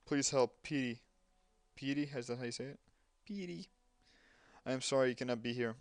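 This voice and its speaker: Guy reading out game letters in a let's play, mid pitch, cracks snarky jokes, dry room. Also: flat delivery, rapid-fire, no room sound. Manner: reads dialogue aloud, breaks off with sarcastic asides. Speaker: gamer playing a game.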